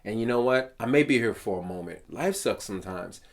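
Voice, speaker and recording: Playful low-voiced man reviewing his album. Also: brisk, creaky. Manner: playful, animated, puts on voices. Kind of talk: casual talk to camera.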